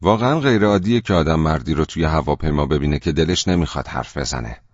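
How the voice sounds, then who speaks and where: A man's voice: extremely low pitch, expressive, no room sound, muffled recording. Man putting on a chatty, insistent woman passenger. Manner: insistent, talks on without a reply.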